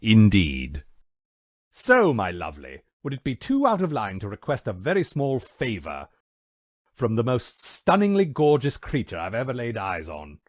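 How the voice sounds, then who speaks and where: An actor playing a prim, long-suffering butler with formal, dry politeness in a game. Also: male voice, lowish voice, huge pitch swings, moderate pace, no echo. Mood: reluctant flattery.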